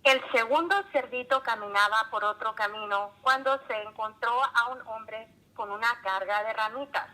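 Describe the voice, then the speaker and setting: A woman reading a children's story aloud in a slow, clear storytelling manner. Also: fairly high pitch, bright, forceful tone, low-quality recording.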